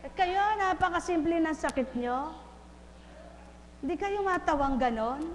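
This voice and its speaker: A woman's voice: extremely high pitch, expressive, a little slow, big-room sound. A woman faith healer at a live healing session, teasing and questioning a patient with short, repeated questions.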